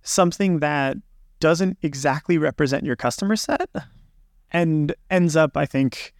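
A podcast guest reflects loosely on research practice in a casual conversation, full of fillers and restarts. His voice sits a little high, his pace is measured, and the sound is dry and clean, like a studio.

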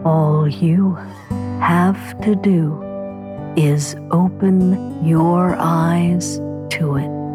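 Very slow, soft-spoken woman guiding meditation. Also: lowish voice. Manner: soft, soothing spa-like delivery with long pauses. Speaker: meditation guide. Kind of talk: guided meditation affirmation. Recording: guitar music behind. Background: calm plucked guitar music.

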